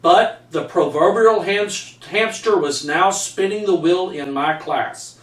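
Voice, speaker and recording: Earnestly reading aloud a story he wrote, a middle-aged teacher trips over some words. He speaks slowly in a high, fairly bright voice, captured by a distant microphone in an echoey room.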